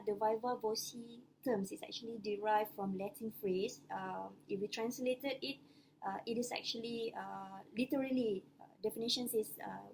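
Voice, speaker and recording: A woman's voice: medium pitch, slight background noise, rough recording. A woman with a Malaysian English accent speaking to postgraduate students in an online webinar, hesitant, with many fillers and restarts. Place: home or office, online webinar. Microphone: computer microphone on a video call.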